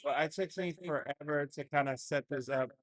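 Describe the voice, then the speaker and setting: Here a young man's fairly high voice, at normal speed, carries casual, hesitant chatter full of fillers as he gets a home stream ready. He talks into a desktop mic, and the audio is dry.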